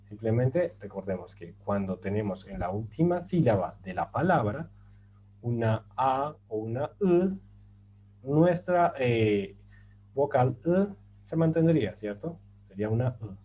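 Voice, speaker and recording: A man's voice: mid-range voice, dark tone, poor audio. Patient male teacher explaining grammar. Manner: patient, rhetorical questions, many fillers. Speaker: language teacher. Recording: faint background noise.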